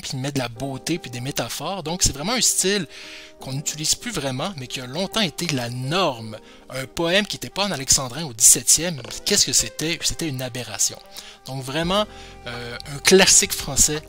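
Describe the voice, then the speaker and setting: Joking teacher. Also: male voice, mid-range voice, sharp tone. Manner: chatty, joking, self-deprecating. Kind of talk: casual explanatory lesson.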